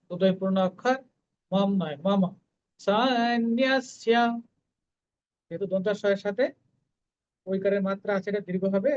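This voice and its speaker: A teacher giving a pronunciation lesson, stretching out each syllable as he chants verses, then explaining quickly. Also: medium pitch, a little mellow, dull audio. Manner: drawn-out slow syllables when chanting, brisk explanations between. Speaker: Gita recitation teacher.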